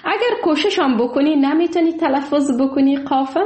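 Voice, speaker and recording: A woman hosting a call-in show, polite, thanking often and pausing with fillers. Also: high-pitched, a little mellow, echoey room. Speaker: radio show host.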